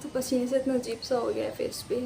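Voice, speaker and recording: A woman's voice: on the high side, steady tone, brisk, creaky, mellow, soft background music. A woman chatting casually to her viewers in an unboxing vlog, rambling and speaking to them directly from a room at home. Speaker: vlogger.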